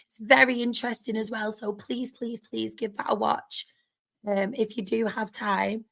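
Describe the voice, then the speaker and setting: A woman's voice: on the high side, level tone, normal speed, gravelly, fairly bright tone. A woman with a sore, strained throat, chatting casually to viewers as host of a football fan livestream.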